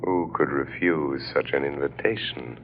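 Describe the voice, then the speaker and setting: An actor playing a menacing, mocking crime-fighter with slow, theatrical delivery in an old radio drama. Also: male voice, a bass voice, creaky, heavily acted. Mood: mocking defiance. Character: menacing, mocking invisible male crime-fighter, darkly gallant. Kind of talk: 1930s-40s radio drama acting. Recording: muffled noisy old radio recording.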